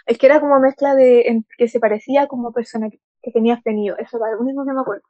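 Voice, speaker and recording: Chilean woman co-host, relaxed and joking, a bit high-pitched, dry close recording. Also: racing, dry recording. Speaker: podcast co-host. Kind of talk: casual chat. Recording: dull lo-fi, dry.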